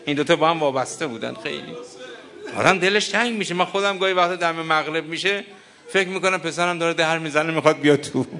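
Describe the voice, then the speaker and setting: Older male preacher, mourning sermon, forceful bright voice, impassioned and grieving. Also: on the high side. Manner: impassioned, grieving, breaks into lamenting chant.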